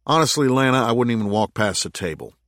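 A man voicing a careful, patient male adviser who speaks in measured tones, in a dry recording. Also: medium pitch, animated, fairly bright tone, no room sound, lightly acted. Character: careful, level-headed man advising the mayor.

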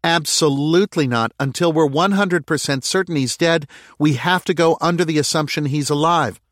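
A woman's voice: deep voice, moderate pace, no room sound, voice pushed up. A man voicing a harried, stubborn woman mayor who speaks in insistent, clipped bursts, in a dry recording.

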